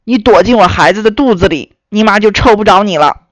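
A woman doing a gruff hungry wolf. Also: lively intonation, a little fast, no room sound, close to an everyday voice. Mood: gruff, blunt. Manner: gruff, lower and louder than the narration. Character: big hungry male wolf, gruff and blunt.

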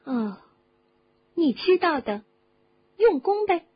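A woman voicing a studious, overworked teenage witch girl who talks high and eager and turns shrill when upset. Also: sing-song, slow, lo-fi sound, heavily acted.

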